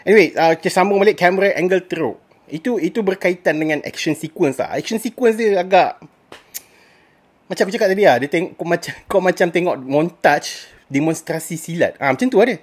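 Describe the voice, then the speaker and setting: A woman's voice: on the low side, fairly quick, darkish tone, breathy edge. A woman with a Malaysian accent giving a casual spoken movie review, ranting in exasperation and mixing in English phrases.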